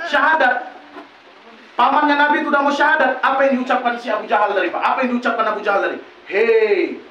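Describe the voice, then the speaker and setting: A man preaching animatedly, throwing out rhetorical questions and answering them himself. His very high voice carries from a distance through a prayer house full of echo. The recording is dull, with a faint ambient hum. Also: bright, forceful tone. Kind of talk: lively village sermon. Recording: very echoey room, distant mic, dull.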